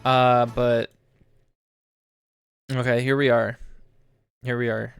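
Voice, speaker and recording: A man streaming a video game, chatting in a rambling way full of "like" and restarts, getting loud and excited in bursts. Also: mid-range voice, slow, gravelly, smooth, dry recording, studio quality. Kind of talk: casual live-stream chatter while gaming. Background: game music.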